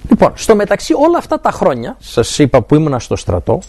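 Middle-aged male speaker, faith testimony, wide swinging intonation, higher-pitched voice, acts out dialogue. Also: creaky, slight background noise. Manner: animated storytelling, acting out dialogue. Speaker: university professor giving a faith testimony. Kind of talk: personal testimony talk.

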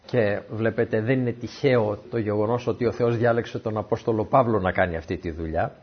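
A man giving a Bible teaching talk, a lively storyteller who asks his listeners questions. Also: lowish voice, breathy edge. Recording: dull, muffled lo-fi recording.

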